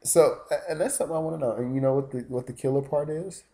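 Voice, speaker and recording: Mellow-voiced man ranting on a vlog. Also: fairly high pitch, fast. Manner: rambling, indignant storytelling. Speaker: YouTube vlogger. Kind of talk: casual vlog monologue.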